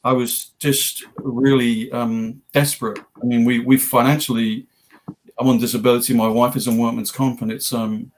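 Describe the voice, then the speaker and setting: A man with a West Virginia Appalachian accent, giving casual personal testimony in an earnest, halting way, repeating words and phrases as he goes. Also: medium pitch, little pitch movement, a little hiss or hum, poor audio. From West Virginia, United States. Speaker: guest, patient advocate telling own story.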